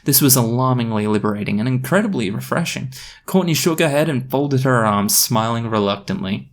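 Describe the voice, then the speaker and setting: A man's voice: medium pitch, expressive, fairly quick. A man doing a comedic reading of an online fan story, narrating with wry, self-aware asides. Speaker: YouTube story reader.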